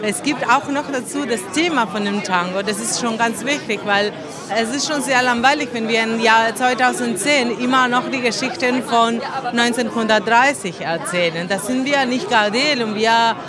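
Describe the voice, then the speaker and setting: A woman from Argentina, a composer and singer, answering interview questions in a thoughtful way, pausing to search for words, with grammar. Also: on the high side, a crowd in the background. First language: Spanish.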